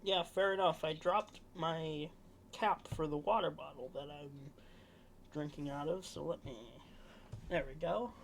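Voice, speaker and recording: A man hosting a casual sports preview podcast, talking in a relaxed, rambling way with fillers and self-corrections. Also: fairly high pitch. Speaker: podcast host.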